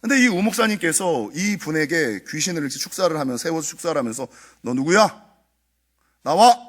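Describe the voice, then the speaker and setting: A middle-aged male pastor preaching a dawn prayer sermon. His voice sits high for a man and leaps across a wide range as he tells the story. He brings the story to life by acting out the dialogue. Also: animated, quick pace, fairly bright tone. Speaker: senior pastor.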